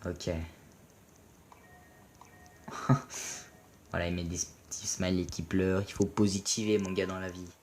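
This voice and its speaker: A young man with a French accent narrates his match in a fairly low voice. He is playful and jumpy, joking with viewers and yelling encouragement or insults at teammates as the game swings. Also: measured pace, pauses often, slight background noise. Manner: playful, excitable, yells and swears at teammates. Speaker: gaming video commentator. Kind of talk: casual gameplay commentary.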